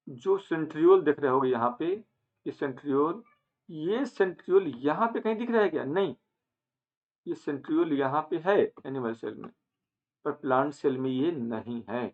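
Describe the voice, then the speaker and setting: A man teaching an online lecture, asking questions and answering them himself, with English terms mixed in and some phrases drawn out slowly. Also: fairly high pitch, expressive. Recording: phone-like narrow band.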